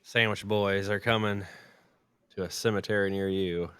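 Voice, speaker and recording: A man co-hosting a podcast in casual chat, goofy and crude, with loud outbursts. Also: on the low side, fairly even intonation, moderate pace, smooth, no room sound, clean studio sound. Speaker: podcast co-host.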